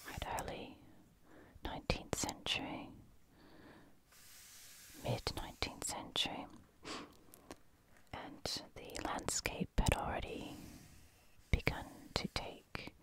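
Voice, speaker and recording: Slow, croaky ASMR whisperer. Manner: soft unvoiced whisper, unhurried, musing over paintings and reading aloud. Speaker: ASMR channel host. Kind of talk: whispered ASMR book paging.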